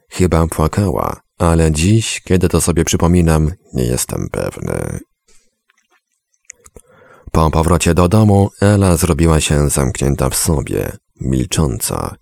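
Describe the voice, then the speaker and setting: A man narrating a story in a measured, somber audiobook reading. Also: rumbling low, gravelly, a little mellow, no room sound.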